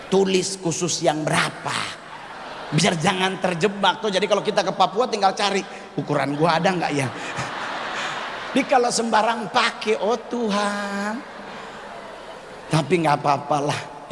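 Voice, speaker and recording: Male comic, slow and fairly high-pitched, doing stand-up in a reverberant hall. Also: slight background noise. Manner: animated, exclaiming and addressing the audience as "Pak". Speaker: stand-up comedian. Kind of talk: stand-up comedy set. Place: event stage before a live audience.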